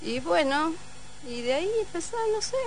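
A woman's voice: sits high, animated, normal speed, a little hiss or hum, low-quality recording. A woman with an Argentine accent, a guest on a radio show, telling her story in a hesitant way with self-corrections. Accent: Argentine Spanish. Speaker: studio guest. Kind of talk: casual radio chat.

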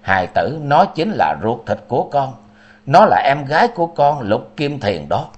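A man's voice: medium pitch, big pitch swings, normal speed, close to an everyday voice. A man reading a story aloud, voicing a grieving middle-aged mother who speaks in a choked, sorrowful way. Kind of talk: storybook narration.

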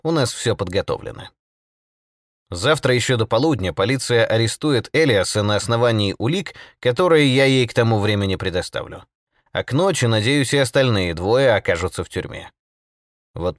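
A terse male industrialist delivers a formal, clipped statement, as a man reads him aloud. His pitch jumps lively at the start of each phrase. The recording is dry and close. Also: normal speed, no echo, lightly acted.

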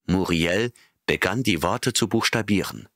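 A man reading an audiobook in a steady, measured narration. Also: deep voice, no echo, studio quality. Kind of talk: scripted narration.

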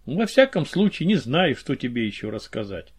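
A man reading the part of a weary male informant who explains things in a measured way, in an audiobook. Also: mid-range voice, big pitch swings, slightly rough. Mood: explaining.

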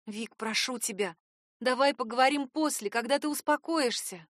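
A woman's voice: a little high, moderate pace, fairly bright tone, dry recording, clean studio sound, lightly acted. A woman voicing a frightened but defiant young woman, tense and pleading. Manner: tense, pleading then insistent. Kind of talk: audiobook character voice.

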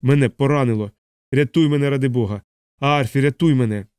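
A man's voice: medium pitch, brisk, darkish tone, clear, resonant tone, no echo, natural voice. A wounded young airman, as a male reader voices him pleads for help in a strained, urgent voice. The sound is dry and close, as in a studio audiobook. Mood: desperate pleading. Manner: pleading, then fading and weak.

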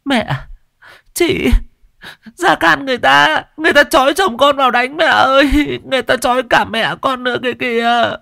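A man's voice: very high-pitched, normal speed, bright, forceful tone, no room sound, clean studio sound, pitched above the performer's own voice, heavily acted. A man doing a wailing, delirious young widow. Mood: frantic begging. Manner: wailing, pleading, breathy. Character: grieving young pregnant widow, delirious with terror.

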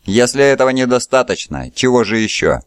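Haughty fiery noblewoman done by a man, smooth voice pitched up a bit, imperious and scornful, storybook reading. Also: animated, brisk, no room sound, studio quality, close to an everyday voice. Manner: contemptuous, imperious.

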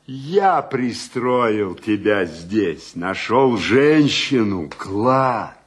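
A coarse, blustering bully who hurls insults and bullies everyone around him. He speaks in a mid-pitched voice, slowly and heavily. It is radio play acting. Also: big pitch swings, full character voice. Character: crude blustering bully of a middle-aged man.

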